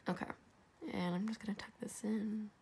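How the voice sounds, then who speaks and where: Only her hands show on the tabletop camera as a congested young woman with a sore throat talks casually through a crafting project. Her mid-range, slightly mellow voice stays fairly even at normal speed with a little hiss or hum, chatty and self-deprecating, often sinking to a whisper.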